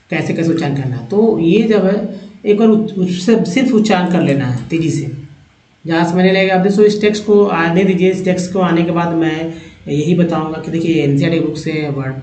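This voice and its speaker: A man teaching a lesson on reading English, sounding out words slowly and spelling letters aloud. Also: a little high, darkish tone. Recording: roomy, dull lo-fi sound.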